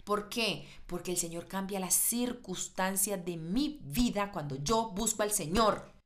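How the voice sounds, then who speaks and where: A woman's voice: medium pitch, unhurried. A woman preaching a sermon, building emphasis through repeated phrases and asking and answering her own questions.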